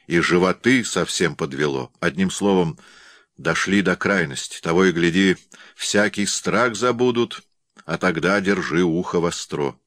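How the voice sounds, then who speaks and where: A man reading an audiobook, voicing a gruff, weathered sled traveler named Bill with a blunt, rough-spoken manner. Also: low-pitched, a little slow, a bit bright, no room sound, studio quality. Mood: grim.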